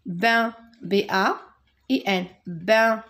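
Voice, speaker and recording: A woman teaching a French lesson, spelling out words syllable by syllable and repeating them slowly. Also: medium pitch, steady tone, a bit bright.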